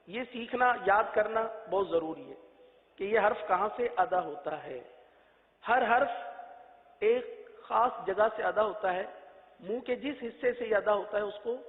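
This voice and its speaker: Male recitation teacher, high voice, drawn-out sung letters, thin tinny audio. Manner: asks and answers his own questions. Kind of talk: patient spoken lesson. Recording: tinny phone-like echoey audio.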